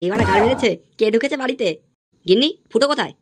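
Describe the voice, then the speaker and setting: A woman voicing a crude, hot-tempered father in a cartoon, who swears constantly and yells threats at his son. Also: on the high side, very fast, husky. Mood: grumbling. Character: crude hot-tempered middle-aged father, foul-mouthed. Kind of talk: cartoon voice acting.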